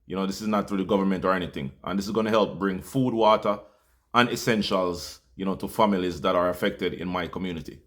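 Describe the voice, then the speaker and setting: Jamaican male host, low-pitched, earnest appeal, casual with fillers. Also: fast, a bit bright. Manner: heartfelt, loose with fillers. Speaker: channel host.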